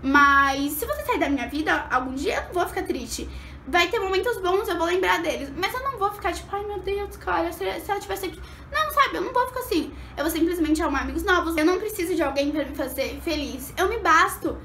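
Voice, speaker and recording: Young female vlogger, high bright voice, rapid storytelling, small echoey room with faint ambience. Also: a little hiss or hum. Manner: animated, acts out quotes with big pitch jumps. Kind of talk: storytime vlog.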